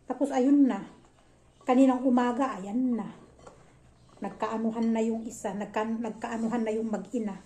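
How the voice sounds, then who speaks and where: High-voiced woman telling family gossip. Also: moderate pace, long pauses. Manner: animated, gossipy retelling with quoted dialogue. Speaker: vlogger. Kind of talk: casual storytelling vlog. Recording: roomy room with faint background noise.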